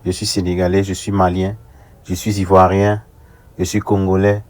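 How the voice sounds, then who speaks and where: A young adult man from Africa, an online commentator, delivers an earnest, deliberate opinion monologue, repeating phrases for rhetorical emphasis. His voice is deep and darkish, with a level tone.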